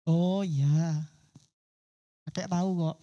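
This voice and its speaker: A woman voicing a calm, forgiving old grandfather who speaks with gentle, unhurried reassurance in a sermon story. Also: fairly low pitch, highs cut off, voice pushed down.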